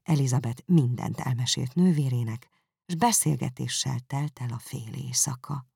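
Low gravelly woman narrating a novel. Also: no echo, clean studio sound. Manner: calm, measured storytelling. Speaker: audiobook narrator. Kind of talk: scripted narration.

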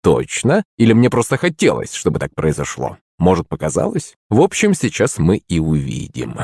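Lively wry male audiobook narrator. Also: sits low, moderate pace, gravelly, husky, no room sound, clean studio sound. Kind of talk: scripted narration of a fantasy novel.

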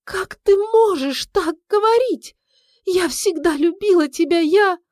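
A woman voicing a hysterical, pleading middle-aged wife with a shrill, tearful manner. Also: expressive, a little slow, a little mellow, no echo, clean studio sound. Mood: tearful plaintive.

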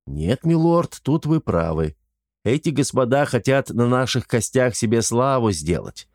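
A man's voice: mid-range voice, big pitch swings, measured pace, a little mellow, no echo, clean studio sound, pitched above the performer's own voice. A man voicing a grumpy, loyal older retainer who scolds others and warns his lord with wary caution. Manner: gruff, scolding, sagely cautious.

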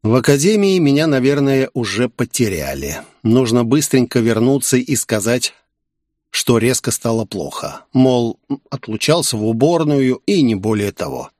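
A man reading a first-person story as an audiobook narrator, with an even, wry delivery. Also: medium pitch, dry recording, clean studio sound.

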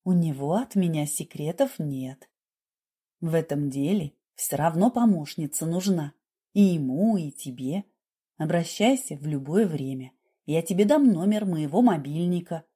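Brief: woman playing a brusque, scolding nurse, husky and plainspoken, audiobook reading. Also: low-pitched, lively intonation, unhurried, warm tone, heavily acted. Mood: matter-of-fact. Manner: brusque, lecturing. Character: blunt, scolding middle-aged nurse.

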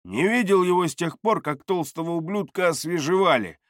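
Man doing a whiny shifty dealer, high-pitched. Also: lively intonation, fairly quick, no room sound, clean studio sound, close to an everyday voice. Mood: grumbling. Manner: whiny, pleading, raised voice. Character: jittery, shifty male shop dealer.

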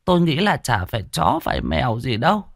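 A man voicing a superstitious old grandmother who speaks slowly and ominously for an audio ghost story. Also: medium pitch, very animated, creaky, dry recording, clean studio sound, voice pushed up. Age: older. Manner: slow, knowing, ominous talk.

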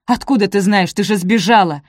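A woman voicing a hurt young gentleman, speaking low, quiet and cold, and breaking into angry shouts. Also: moderate pace, dry recording, clean studio sound, natural voice. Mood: angry, shouting.

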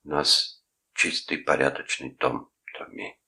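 A male reader voicing a pompous, sanctimonious middle-aged uncle who lectures his nephew in drawn-out phrases. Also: a bass voice, level tone, gravelly, sharp tone, exaggerated voice. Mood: lecturing.

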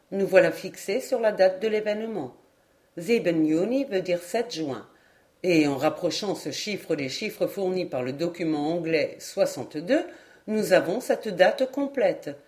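A woman's voice: lowish voice, lively intonation, measured pace, darkish tone. A woman reading the part of a young, respectful ship captain patiently explaining a puzzle in an audiobook.

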